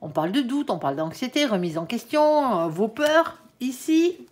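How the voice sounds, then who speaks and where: Speaking at a normal pace, this woman reads tarot for her viewers in a chatty, comforting way, dropping frequent "hein" tags and the odd verbal stumble. Her voice is a little high and darkish in tone, and she's very animated.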